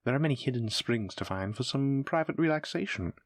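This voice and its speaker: In a scripted roleplay addressed to the listener, a man plays a courteous, eager demon hotel receptionist and smooth salesman, delivering formal, effusive hospitality patter. His medium-pitched voice is animated and brisk, lightly acted, cheerful and informative, with clean studio sound and no echo.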